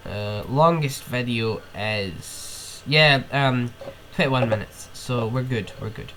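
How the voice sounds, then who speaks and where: A man's voice: mid-range voice, slow, a bit bright, a little hiss or hum. Rambling, sniffly young man. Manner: rambling, sniffing and burping, sweary. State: ill with a cold. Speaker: podcast host. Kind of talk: casual solo ranting.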